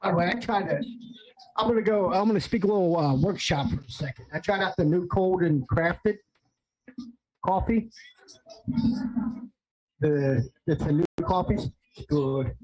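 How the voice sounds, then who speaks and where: A slightly high-voiced man hosts a casual watch-along, talking in an excitable, rambling way. He trips over his words and corrects himself often. He sounds amped up on coffee. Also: a little slow, long pauses, muffled recording. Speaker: stream host.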